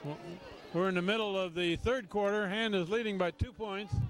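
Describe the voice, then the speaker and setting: High-voiced man calling a football game. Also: normal speed. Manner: steady, conversational play calling. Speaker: play-by-play announcer. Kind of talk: high school football radio commentary.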